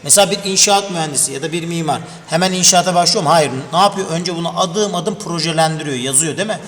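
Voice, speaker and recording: A man teaches a review lesson at a quick clip, his voice sitting slightly high. He keeps turning to the children with questions he then answers himself. The sound rings with a long room echo over a faint background hiss. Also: fairly bright tone. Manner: addresses children directly, asks and answers own questions. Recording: echoey room with long reverb, faint noise.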